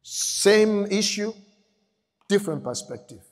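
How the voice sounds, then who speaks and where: A man's voice: sits high, animated, slow, long reverb tail. A man pastor delivering an emphatic sermon in a church, repeating phrases for effect.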